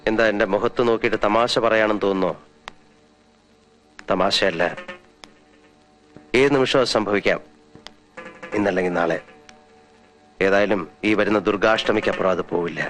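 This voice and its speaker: An actor playing a sharp-witted psychiatrist who teases and questions a young man in a 1990s film drama. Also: high-pitched. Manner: teasing, then grave and hushed.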